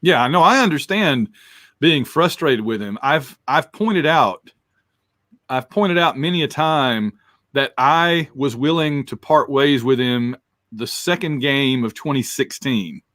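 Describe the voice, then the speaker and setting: A man's voice: medium pitch, animated, unhurried, a bit bright, no room sound, studio quality. A man hosting a casual sports fan show, chatting in a blunt, conversational way. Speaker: sports podcast host.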